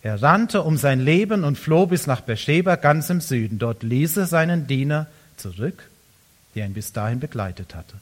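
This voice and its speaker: Emphatic German-speaking pastor preaching. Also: male voice, lively intonation, moderate pace. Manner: emphatic, swinging between loud insistence and hushed lows. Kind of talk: sermon.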